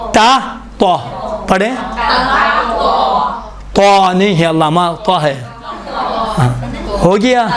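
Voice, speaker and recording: High-voiced man teaching recitation sounds. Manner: repeats sounds slowly to demonstrate, asks students to listen. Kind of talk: classroom lesson on pronunciation.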